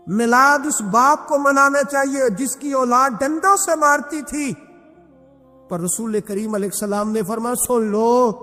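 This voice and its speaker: A man delivering an impassioned devotional sermon, reciting verses in a slow sing-song. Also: very high voice, bright, forceful tone. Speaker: preacher. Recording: reverberant hall with faint background music.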